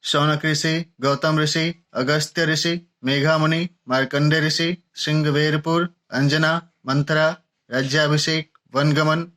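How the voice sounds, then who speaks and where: A man teaching, slowly reading out a vocabulary list word by word with pauses between them. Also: a little high, flat delivery, pushed and bright. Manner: measured, listing words one by one with pauses. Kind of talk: slow recited vocabulary list.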